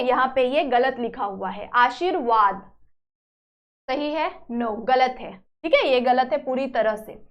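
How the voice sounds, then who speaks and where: A woman teacher explaining a grammar lesson step by step, often pausing to check that students follow. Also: high-pitched. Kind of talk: classroom-style video lesson.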